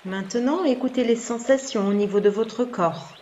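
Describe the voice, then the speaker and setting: Speaking a little high, a woman teaching yoga nidra leads a meditation with soft, calming directions delivered slowly and broken by long silences. The audio is somewhat dull and lo-fi, with the sound of running water and noise in the background.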